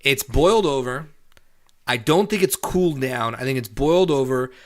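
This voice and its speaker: A man co-hosts a casual wrestling podcast. He talks in an opinionated way and repeats his points to hammer them home. His voice sits in an ordinary middle pitch. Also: lively intonation, normal speed. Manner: opinionated, repeats himself for emphasis. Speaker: podcast co-host.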